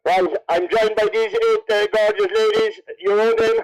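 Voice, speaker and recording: Irish guy mcing an event, high pitched, jokey, chatting to people on the mic. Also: very animated, normal speed, clear, resonant tone, low-quality recording. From Cavan, Ireland. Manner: jokey, teasing. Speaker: MC of a best dressed contest at horse races. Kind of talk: announcing and interviewing over a public address.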